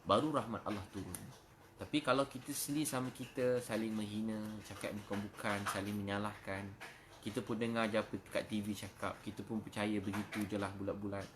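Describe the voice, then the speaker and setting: A middle-aged man with a Malaysian Malay accent delivers an emotional sermon. His voice sits low and turns to fervent pleading prayer. A faint background hum runs under the recording. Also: level tone, fairly quick. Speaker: preacher.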